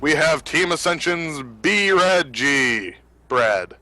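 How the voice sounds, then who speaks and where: A man's voice: on the high side, lively intonation, slow pace, sharp tone, no room sound, low-quality recording. A man casting a live strategy game match, explaining the players' plans at length with frequent fillers. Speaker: esports caster.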